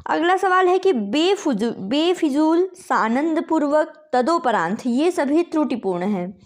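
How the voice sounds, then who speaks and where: A woman's voice: high-pitched, very animated, a little slow. A woman tutor going through quiz answers, patiently spelling out words letter by letter and checking in with "okay" often. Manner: patient, repeats "ठीक है" often. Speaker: Hindi exam tutor.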